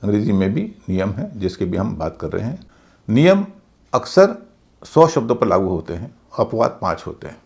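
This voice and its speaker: A man's voice: lowish voice, sing-song, moderate pace, vocal fry, a little mellow. A male teacher giving a methodical lesson on English pronunciation, patiently spelling out words letter by letter. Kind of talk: explanatory lesson.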